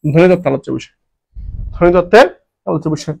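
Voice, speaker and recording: Quick high-voiced male tutor. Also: vocal fry, darkish tone. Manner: repetitive, asks and answers his own questions; jokey, homely dialect forms. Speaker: teacher. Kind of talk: online grammar lesson.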